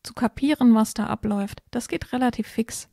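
A woman co-hosting a podcast, calmly explaining step-by-step advice in a casual conversation. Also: a little high, normal speed, gravelly, no echo, clean studio sound. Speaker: podcast co-host explaining parenting topics.

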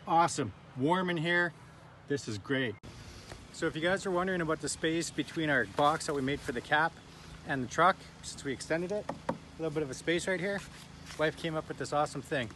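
A chatty man in his fifties talks to his phone camera outdoors at a forest campsite, breaking into bursts of enthusiasm. His voice is bright and a little high. A faint outdoor hiss sits under the recording. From Canada. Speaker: camping vlogger. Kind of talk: casual vlog chat to camera. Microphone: phone camera held close.

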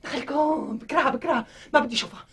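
An actress with a Syrian Arabic accent playing a jealous, overwrought pregnant wife who pleads frantically and tearfully. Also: female voice, high-pitched, racing, a bit bright. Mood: frantic. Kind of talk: TV comedy acting.

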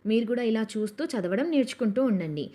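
A woman teaching children to read, slowly spelling out each syllable and joining the sounds into whole words. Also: a little high, expressive, mellow. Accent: Telugu. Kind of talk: slow syllable-by-syllable reading lesson for children.

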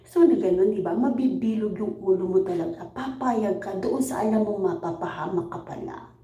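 A woman's voice: mid-range voice, normal speed, warm tone. A middle-aged woman from the Philippines, working abroad as a caregiver, chatting casually on her vlog. She laughs often and keeps asking her viewers "right?". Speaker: vlogger; overseas caregiver. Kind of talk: casual livestream chat reading comments. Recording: roomy echo.

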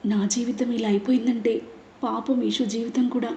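A timid middle-aged mother, soft and tearful, read by a woman narrator. Her voice is mellow and dark in an echoing room. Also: a little high, flat delivery, fairly quick, slight background noise, natural voice.

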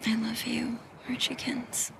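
A woman's voice: a little high, completely flat delivery, unhurried, background noise. A young woman acting a loyal, dramatic teenage girl in a screen drama, intense and often near a whisper. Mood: tender, aching. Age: young adult.

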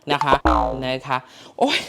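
A woman's voice: takes it slowly, very noisy. A woman from Thailand hosting a casual cooking vlog in her kitchen, chatty and teasing with sassy asides to viewers. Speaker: cooking show host. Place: home kitchen abroad.

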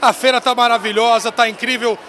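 Man, 30s, fair interviewer, very high bright voice, handheld mic, faint crowd noise. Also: brisk. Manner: excited, playful, hyping the guest. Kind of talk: casual on-location interview. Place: busy indoor expo hall. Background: crowd chatter of the fair.

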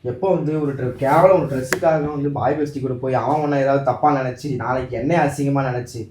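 A man's voice: mid-range voice, steady tone, quick pace, darkish tone, a little hiss or hum. Pleading man in an echoey room. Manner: pleading, emotional. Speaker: vlogger acting out a couple skit. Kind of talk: scripted couple skit.

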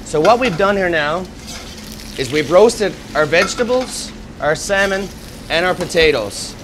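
Male executive chef, slightly high voice, lapel mic in a noisy restaurant kitchen. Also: a little slow. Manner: steady instructive step-by-step explaining. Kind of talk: cooking demonstration. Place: restaurant kitchen at a gas range.

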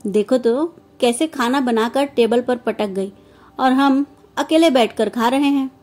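A woman voicing an older, sharp-tongued mother-in-law who scolds and complains in a storybook. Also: on the high side, a little slow, faint music behind, lightly acted. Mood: complaining.

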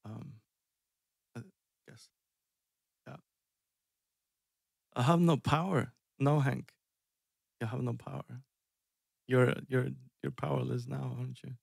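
Rambling on a music live stream from a dark room, an Icelandic man in his thirties chats casually through a headset, chuckling often and poking fun at himself. His medium-pitched voice is steady and slow, with vocal fry, long pauses and a breathy edge. The recording is dry and studio-clean.

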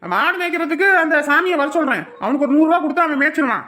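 A woman playing a dutiful village man, firm, reassuring and quick to anger. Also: high voice, lively intonation, bright, forceful tone. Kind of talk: village drama acting.

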